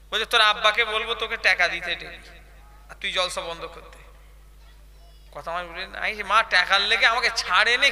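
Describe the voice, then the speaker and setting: A man's voice: sits high, sharp tone, long reverb tail. A man preaching a waz sermon, chatty and quizzing the crowd with questions.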